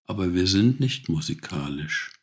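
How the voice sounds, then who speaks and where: Man doing a gentle tired sheep, deep husky voice. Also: expressive, moderate pace. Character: gentle gloomy sheep, kind and weary.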